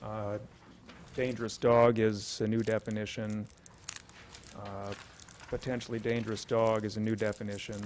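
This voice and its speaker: A middle-aged man, a city official, reading out changes to an ordinance at a podium microphone in a council chamber, in a measured, matter-of-fact way. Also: lowish voice, little pitch movement, darkish tone, a little hiss or hum.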